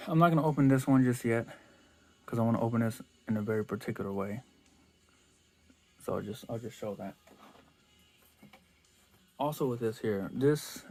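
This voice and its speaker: A man's voice: medium pitch, darkish tone. A man chatting casually as he unboxes toy cars for his vlog, rambling and restarting his sentences a lot. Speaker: toy car collector vlogger.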